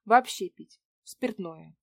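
Woman reads young idealist heroine, calm and firm, dry close read. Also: mid-range voice, slow, vocal fry, dry recording. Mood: cool, firm.

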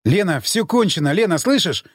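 A man reading aloud plays a young man desperately calling out to his beloved. His voice sits fairly high and moves a lot, in a dry, close reading. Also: lively intonation, fairly quick, no room sound. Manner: shouting, pleading.

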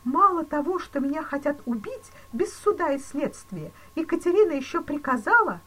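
A woman doing a shrill, panicky banker. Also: big pitch swings, normal speed, pushed and bright, exaggerated voice, rough recording. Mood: panicked. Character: terrified middle-aged male banker, pleading.

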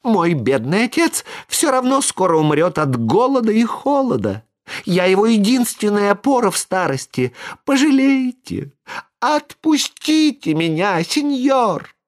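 A narrator voicing a pitiful wooden puppet boy who whines in a thin, high voice. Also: very animated, a little slow. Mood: whining plea. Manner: high wailing, pleading.

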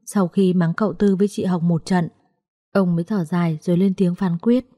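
Woman reading a story aloud, warm mellow voice, dry close sound. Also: lowish voice, steady tone, normal speed, dry recording. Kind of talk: scripted story narration.

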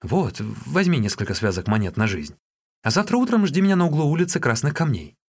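A man voicing a meek middle-aged male bun seller who speaks softly and plaintively. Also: fairly high pitch, big pitch swings, a little fast, breathy edge, pitched above the performer's own voice, full character voice.

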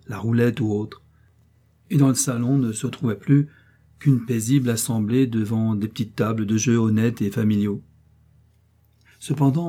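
A man narrating an audiobook in a steady, unhurried storytelling manner. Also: mid-range voice, slightly rough. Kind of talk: scripted narration.

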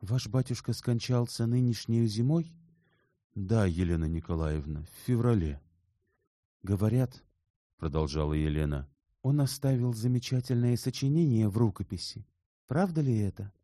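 A man's voice: fairly low pitch, expressive, moderate pace, dark tone, no room sound, pitched above the performer's own voice, natural voice. A composed young woman speaks in a lifted, lightened voice, as a male narrator puts her on, asking direct questions with a cool edge. The reading is dry and close to the mic. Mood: curious. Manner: poised, pointed questions. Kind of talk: audiobook character reading.

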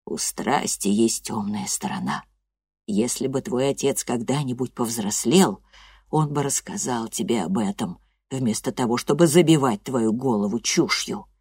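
Woman narrator putting on a stern elderly grandmother, low and slow, husky, lecturing. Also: expressive, a little mellow, no echo, studio quality, heavily acted. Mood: grave. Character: stern old grandmother, strict and blunt.

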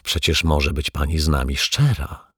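A sensible, calm detective from a children's audiobook, voiced by the male reader. He speaks in a matter-of-fact way, gentle but firm. His voice is low and husky, with an unhurried pace. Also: no room sound, clean studio sound, heavily acted. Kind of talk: audiobook character voice.

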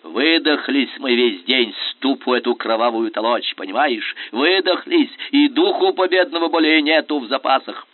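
A man voicing an elderly, weary, gruff prince and general, heard over a tinny, phone-like radio line. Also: medium pitch, animated, measured pace, dry recording, close to an everyday voice. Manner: gruff, tired, blustering.

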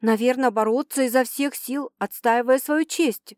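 A woman's voice: high voice, normal speed, a little mellow, no room sound, studio quality. A woman reading a first-person audiobook with dramatic, tense storytelling. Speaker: audiobook narrator.

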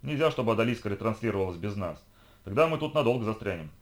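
A man voicing a bold, bossy young girl who guides her companion, in a brisk, commanding way. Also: on the low side, animated, close to an everyday voice. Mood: urgent.

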